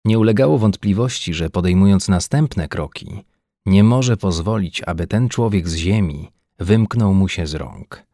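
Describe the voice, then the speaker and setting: Low-voiced man narrating an audiobook. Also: moderate pace, mellow, dry recording, clean studio sound. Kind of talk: scripted narration.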